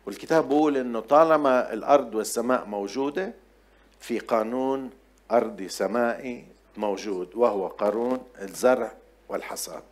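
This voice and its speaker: A man's voice: mid-range voice, fairly quick. A man preaching a sermon as pastor, telling stories in a conversational way with many restarts.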